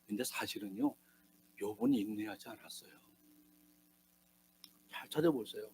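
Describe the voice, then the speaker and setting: A man preaching a sermon as a pastor, swinging between hushed asides and loud emphatic bursts and acting out the voices he quotes. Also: fairly low pitch, moderate pace, slight background noise. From South Korea.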